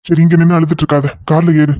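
A man voicing an impatient young lover in a cartoon, talking fast and insistently. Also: a little high, little pitch movement, dark tone, natural voice. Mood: scolding. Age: young adult. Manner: rapid, insistent scolding. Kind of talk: cartoon voice acting.

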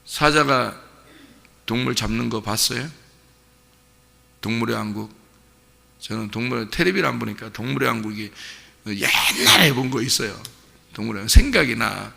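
A middle-aged man preaches a dawn service sermon with a bright, forceful, gravelly voice. He tells vivid stories and keeps asking the congregation questions. His voice rings out with the long reverb of a church sanctuary. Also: mid-range voice, moderate pace, long pauses. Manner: animated, vivid storytelling with direct questions to the congregation. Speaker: pastor.

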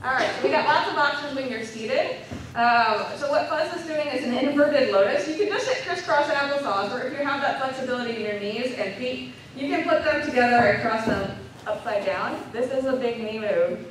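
Casting: calm female yoga instructor, bright high voice, far from the mic in a huge echoing hall, faint background hiss. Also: brisk. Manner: calm step-by-step cueing. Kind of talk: live class instruction. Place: large convention hall. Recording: echoey hall, distant mic.

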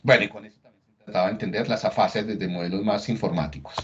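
A man's voice: on the low side, quick pace. A man giving a lecture on slides, talking conversationally and often checking in with tag questions. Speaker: neuroscience lecturer. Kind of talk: recorded lecture explaining slides. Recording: dull lo-fi recording.

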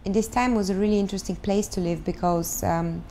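A woman in her thirties from Bulgaria, speaking English with a Bulgarian accent, answering interview questions thoughtfully and pausing to search for words. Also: medium pitch, steady tone, warm tone, slight background noise. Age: 30s. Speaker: guest, start-up founder. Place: living room, on a sofa.

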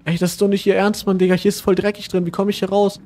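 A man's voice: high-pitched, flat delivery, fast talker, a little mellow. A man hosting a gaming channel, playing himself in a role-play with a whiny, complaining way of talking. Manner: whiny and complaining, keeps saying "Mann" and "Bro". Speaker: gaming channel host playing his own character. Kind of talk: casual game role-play.

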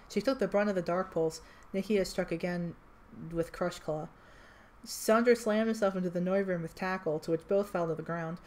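A woman's voice: on the low side, a little mellow, slight background noise. A woman reading a fan story aloud in a casual way, with restarts and chatty asides. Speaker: reader. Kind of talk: amateur fan-fiction read-aloud.

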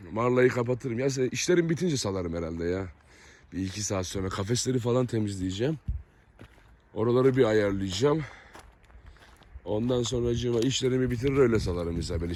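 A man chatting to viewers on his farm as he walks among his dogs, cooing at them fondly. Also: mid-range voice. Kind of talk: casual vlog talk to viewers and dogs. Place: outdoors on a foggy farm with dog pens. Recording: noisy outdoor recording with barking dogs. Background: dogs barking.

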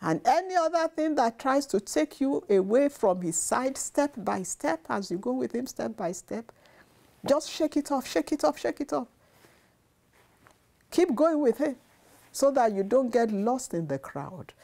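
Earnest woman preaching slowly. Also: sits high, sing-song, creaky, warm tone. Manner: earnest, repeats phrases for emphasis. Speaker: devotional speaker. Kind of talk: devotional sermon to camera. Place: living room, seated on sofa. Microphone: lapel mic.

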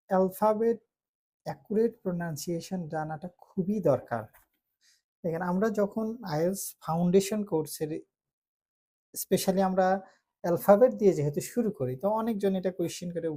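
A woman teaching English pronunciation in a casual lesson, repeating letter sounds slowly to demonstrate. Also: lowish voice, mellow. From Bangladesh.

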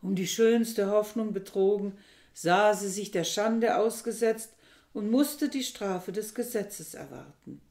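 A woman reading a novel aloud with measured, dramatic storytelling. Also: medium pitch, a little mellow. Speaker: reader. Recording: echoey room.

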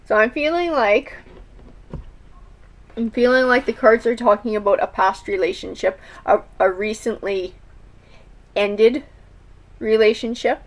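A woman with a slightly high voice lays out tarot cards one by one. She talks thoughtfully, pausing on fillers and starting phrases again as she reads. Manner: thoughtful, with many fillers and restarts. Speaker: tarot reader. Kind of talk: tarot card reading.

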